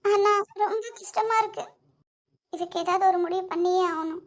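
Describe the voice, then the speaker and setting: A woman voicing Ashmi, a very high-voiced heartbroken cartoon girl. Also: normal speed. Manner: emotional, pleading. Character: lovesick young woman, stubborn and tearful.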